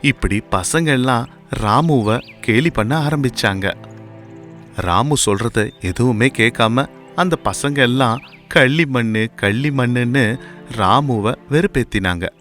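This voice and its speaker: A man telling a moral story in scripted, measured storytelling narration. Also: mid-range voice, expressive, a bit bright, soft background music.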